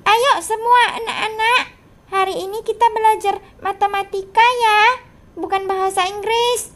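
A woman's voice: very high voice, steady tone, a little slow, fairly bright tone. A woman voicing a strict, scolding male schoolteacher in a game role-play. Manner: scolding, bossy.

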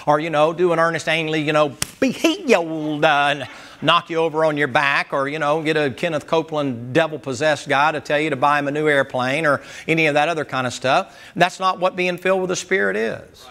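A man's voice: a little high, fairly even intonation, fairly quick, bright, forceful tone. A man preaching a Sunday school sermon in a folksy, joking and emphatic way.

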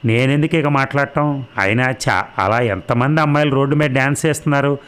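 A man's voice: medium pitch, quick pace, a bit bright, clear, resonant tone, natural voice. A man voicing an indignant, stubborn middle-aged mother in a read-aloud novel, firing off scolding questions.

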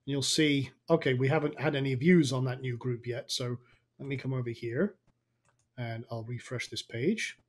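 A man with a raspy, somewhat tired voice, coaching informally and thinking aloud through a screen-share tutorial. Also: mid-range voice, moderate pace. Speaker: online marketing coach.

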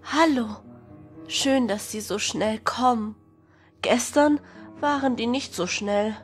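A woman's voice: on the high side, slow pace. A woman playing a friendly, polite elderly patient over eighty in an acted audio horror story. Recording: music behind the voice.

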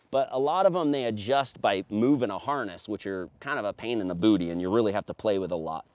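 A middle-aged paramotor dealer gives an enthusiastic product walkthrough on a grassy field, filmed by a tripod-mounted camera. He speaks in a mid-range voice like an emphatic, eager salesman, and the recording is dry.

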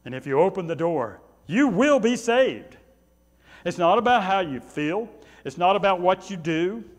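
A male pastor in his sixties, fairly high in pitch, preaches in a small church sanctuary where a long reverb trails his words. He alternates punchy, repeated phrases with relaxed conversational asides.

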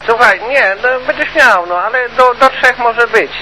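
Over a noisy two-way CB radio transmission, a male hobbyist gives advice in a casual, colloquial, repetitive way. His voice is very high and unhurried.

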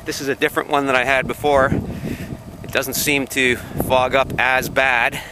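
A man's voice: mid-range voice, little pitch movement, moderate pace. A man talking through a face mask outdoors on a windy frozen lake, narrating casually into a handheld camera, rambling and restarting as he explains. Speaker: outdoors vlogger. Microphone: handheld camera mic.

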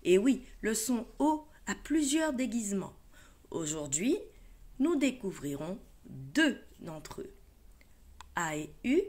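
A woman teacher with a French accent leading a reading lesson for young children, sounding out words and syllables slowly and clearly. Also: medium pitch, darkish tone. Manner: slow, clear syllable-by-syllable modeling. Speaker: primary school teacher.

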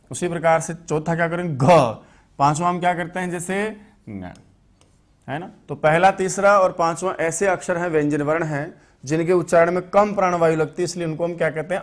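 Teacher asking and answering himself. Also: male voice, fairly high pitch. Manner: explains step by step, asking questions and answering them himself; says sounds aloud slowly and clearly. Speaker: Sanskrit teacher. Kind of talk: online grammar lesson.

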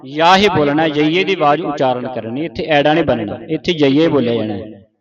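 A man teaching the correct recitation of scripture, reading line by line and repeating words slowly for his students. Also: fairly high pitch, lo-fi sound, a crowd in the background. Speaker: Gurbani pronunciation teacher. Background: group of students.

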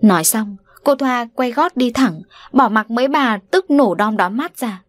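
A woman tells a novel aloud in a dramatic, expressive way. Her voice sits fairly high, and the recording is close and dry. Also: unhurried, no room sound. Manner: dramatic, animated delivery of voices. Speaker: audiobook narrator. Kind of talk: expressive storytelling narration.

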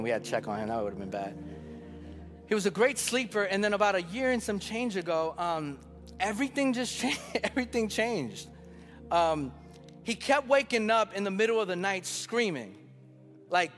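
A man's voice: sits high, a bit bright, in a large hall. A man in his thirties preaching a sermon, emphatic and building with repeated phrases, telling a story from his own family life. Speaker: pastor. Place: church sanctuary.

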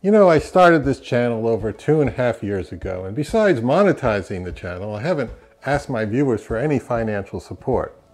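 In a brisk, sing-song delivery with medium pitch and a darkish tone, a fifties-to-early-sixties man hosting an audio gear channel reviews a product conversationally to camera.

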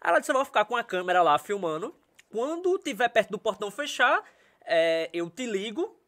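A man's voice: high-pitched, fairly quick. A young man from Brazil, telling a long comic story on a podcast. He talks casually and acts out everyone in it, and laughs as he goes. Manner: animated, acts out quoted voices, laughs while telling. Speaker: podcast guest, comedian.

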